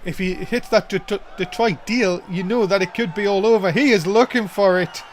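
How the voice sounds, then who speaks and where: High-pitched male wrestling commentator, noisy recording. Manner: breaks into drawn-out excited shouts at big moves. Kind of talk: play-by-play wrestling commentary, informal.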